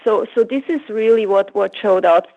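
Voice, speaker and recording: A woman with a Swiss German accent speaks as an interview guest, in a voice of middling pitch. She tells her story in a measured, reflective way. The sound is a little dull, like a remote line. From German-speaking Switzerland. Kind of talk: interview answer.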